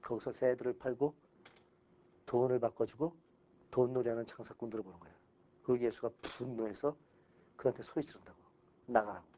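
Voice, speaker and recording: Male exam-prep lecturer, mid-pitched, casual and animated, blunt with punchy asides. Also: a little fast, pauses often. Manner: animated, mixes sharp outbursts with dry asides.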